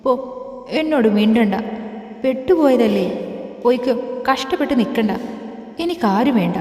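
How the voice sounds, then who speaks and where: A pouting, easily hurt young sweetheart, read by a woman, her lines high and mellow. The voice carries a long, roomy reverb. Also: expressive, normal speed, natural voice. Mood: sulking. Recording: echoey room with long reverb.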